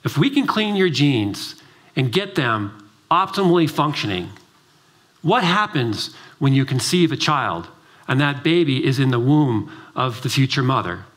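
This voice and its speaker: A man's voice: medium pitch, a little slow. A middle-aged man, a doctor, giving an emphatic, driven summit presentation and telling stories with acted-out dialogue. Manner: animated storytelling, acts out dialogue. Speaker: doctor giving a conference talk.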